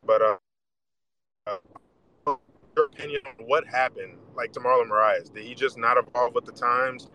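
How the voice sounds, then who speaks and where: A man's voice: mid-range voice, steady tone, moderate pace, pauses often, sharp tone, slight background noise. Man on a breaking-up call line. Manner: hesitant, lots of "uh". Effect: bad, breaking-up call connection. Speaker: caller. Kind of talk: casual call-in chat. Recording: distant, patchy call line.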